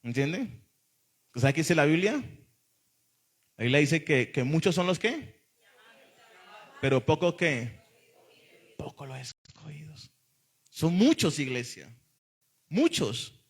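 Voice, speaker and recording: Guy preaching in church, keeps calling out to the congregation, a bit high-voiced. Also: very animated, slow pace, pauses often. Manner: emphatic preaching, repeated calls to the congregation. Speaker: pastor. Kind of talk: sermon.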